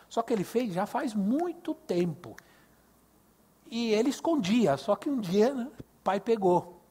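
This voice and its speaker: Husky, animated older Brazilian preacher. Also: male voice, sits high. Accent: Brazilian Portuguese. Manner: animated, acts out dialogue, asks the congregation questions. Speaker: apostle preaching at a youth service. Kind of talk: sermon with storytelling.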